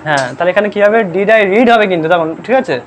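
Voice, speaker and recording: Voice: mid-range voice, quick pace. A grammar teacher giving a live classroom lesson, constantly quizzing pupils, checking they understand and spelling words out letter by letter. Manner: sternly scolds noisy pupils.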